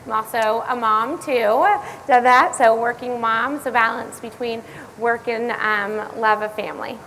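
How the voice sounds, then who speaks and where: A woman's voice: a little high, fairly even intonation, a little slow, pushed and bright, a little hiss or hum, low-quality recording. A woman store brand manager introducing herself on a panel at an event, businesslike and confident. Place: event hall.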